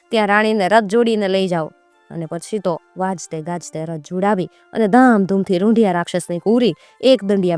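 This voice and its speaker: A woman storyteller, narrating a folk tale in a lively, colloquial way. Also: lowish voice, dry recording.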